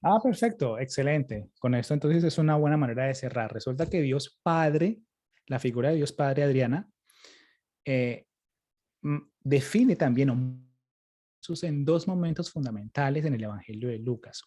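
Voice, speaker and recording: A man's voice: medium pitch, animated, moderate pace, mellow. A Colombian man, a priest, giving a Bible study lecture and patiently answering questions, often checking with his listeners. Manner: explains patiently, often tags sentences with "¿cierto?" and "¿sí?".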